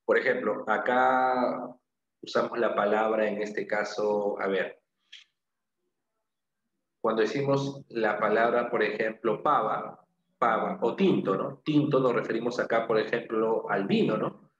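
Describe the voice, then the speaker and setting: A man's voice: on the low side, unhurried, fairly bright tone, roomy sound, muffled recording. A man from Peru with a Peruvian Spanish accent teaching a language class, explaining step by step and repeating key phrases, often checking in with "¿no?" and "¿ok?". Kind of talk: classroom lecture.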